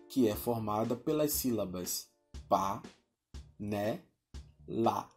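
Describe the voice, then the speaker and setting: A man voicing a cheerful virtual teacher with a Brazilian accent, explaining a lesson to children and slowing down to spell out words. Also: medium pitch. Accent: Brazilian Portuguese. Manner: upbeat, addressing children, slows to spell out words.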